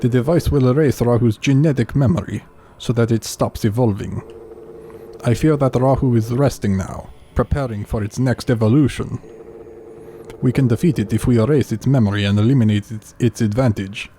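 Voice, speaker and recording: A man voicing a grave male informant in a put-on Russian accent, reading game dialogue aloud slowly and solemnly. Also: medium pitch, warm tone, a little hiss or hum, natural voice.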